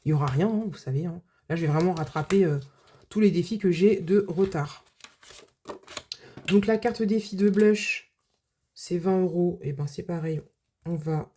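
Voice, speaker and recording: A woman's voice: on the low side, normal speed, long pauses, warm tone, slight background noise. A woman budget vlogger chatting casually to her viewers, full of filler words and restarts. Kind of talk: casual vlog chat.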